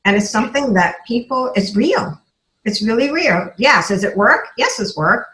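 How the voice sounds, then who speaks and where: Speaking at a moderate pace with animated energy, a woman recounts how she went from health coaching to selling essential oils, earnest and emotional, playing out other people's words. Her slightly high, somewhat bright voice comes through a rough recording in a reverberant room.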